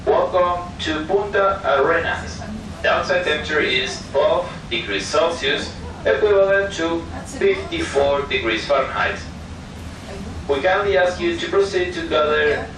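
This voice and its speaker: A man making a polite, formal announcement over a ship's loudspeaker system. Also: a little high, noisy background. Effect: heard over a ship's loudspeaker. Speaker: ship announcer. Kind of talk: formal public address announcement. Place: aboard a cruise ship. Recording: echoey loudspeaker heard from far off.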